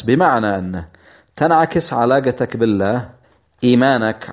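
A man's voice: lowish voice, a little mellow. A man with a Yemeni accent delivers a religious lecture in formal Arabic mixed with colloquial speech, repeating key phrases to teach.

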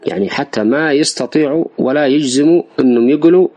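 A man's voice: fairly high pitch, fast, mellow. A man with a Yemeni accent reading an interview aloud and commenting on it as a political commentator, in an insistent, emphatic manner and speaking straight to his listeners. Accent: Yemeni Arabic.

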